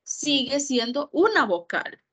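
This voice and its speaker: A woman teaching English in an online class, explaining slowly in Spanish and repeating English words to model how they sound. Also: high voice, very animated, vocal fry, a bit bright, husky. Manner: slow, careful, repeats words to model pronunciation.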